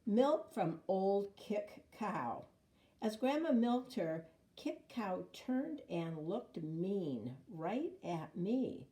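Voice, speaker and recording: A woman reading a children's story aloud in an expressive, dramatic way, drawing out words. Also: mid-range voice. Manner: dramatic, with drawn-out words and sound words. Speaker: storybook reader.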